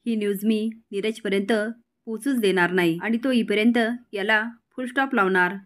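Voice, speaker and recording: A woman's voice: mid-range voice, normal speed, a bit bright, lightly acted. A woman voicing a scheming middle-aged mother-in-law in a retold TV serial, sweet-talking on the surface.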